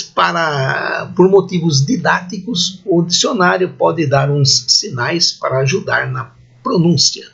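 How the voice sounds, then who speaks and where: Slow middle-aged guy teaching a class, husky gravelly voice, kinda muffled lo-fi audio. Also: a little high, fairly bright tone. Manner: slow, patient, drawn-out pronunciation examples. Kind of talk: recorded lecture. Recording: dull lo-fi recording.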